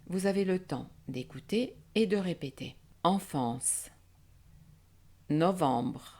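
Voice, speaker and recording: A woman teaching French nasal vowels, saying words slowly and breaking them into syllables. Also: on the low side, a little mellow. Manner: slow, deliberate, syllable by syllable. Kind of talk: slow pronunciation drill.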